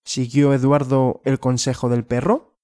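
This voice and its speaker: A male language teacher telling a simple story, asking and answering his own questions slowly and clearly. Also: medium pitch, level tone, warm tone, no echo, studio quality.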